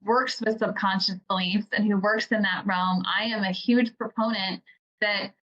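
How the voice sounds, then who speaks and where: A woman's voice: mid-range voice, fairly even intonation, a bit bright. Earnest woman host, lo-fi audio. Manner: earnest, halting with restarts and fillers. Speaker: podcast host. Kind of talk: casual interview chat.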